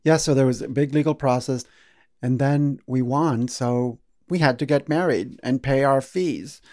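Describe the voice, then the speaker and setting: A Cuban-born man tells his own story as an interviewee on a podcast. He is warm and good-humored and laughs lightly, speaking at a mid-range pitch and a measured pace.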